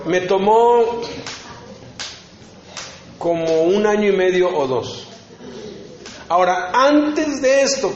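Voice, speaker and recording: A man's voice: high-pitched, a little hiss or hum. A man preaching a sermon, earnest and personal, acting out short dialogues as he tells his story. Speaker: preacher at a prison ministry congress. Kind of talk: sermon teaching. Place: conference hall. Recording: echoey hall, dull sound.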